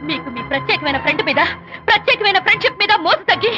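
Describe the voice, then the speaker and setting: A woman's voice: extremely high pitch, expressive, racing. An actress playing a proud, jealous young wife who snaps back at her husband in an old film scene. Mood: indignant. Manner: indignant, cutting retorts. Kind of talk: 1990s film dialogue. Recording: muffled film soundtrack with music.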